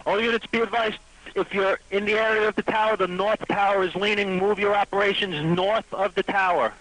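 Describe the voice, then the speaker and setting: A man's voice: high voice, level tone, brisk, fairly bright tone. A man working as an emergency dispatcher, giving procedural directions over a two-way radio. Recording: slightly noisy emergency radio channel. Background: radio noise.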